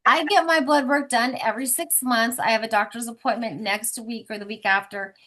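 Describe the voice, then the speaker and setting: A woman's voice: a little high, fairly even intonation, a little fast, fairly bright tone. Chatty woman leading a support group. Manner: chatty, encouraging, upbeat. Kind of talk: casual group talk, instructing.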